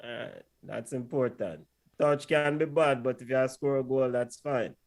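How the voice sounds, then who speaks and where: With a medium-pitched voice at a measured pace, a male co-host offers casual commentary on a match during a watch-along stream, often begging the players and the ref.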